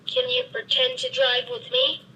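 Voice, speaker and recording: A synthetic female voice playing a friendly, cheerful boy robot that talks to children in slow, simple, deliberate sentences. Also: sits high, flat delivery, pushed and bright, a little hiss or hum, poor audio. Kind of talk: programmed robot speech for children. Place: meeting room, played from a robot.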